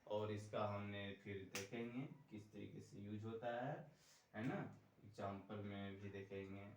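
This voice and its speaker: A man's voice: fairly low pitch, level tone, measured pace, slight background noise. A male teacher giving a lesson, explaining step by step and asking and answering his own questions. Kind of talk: classroom lecture. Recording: echoey room, distant mic.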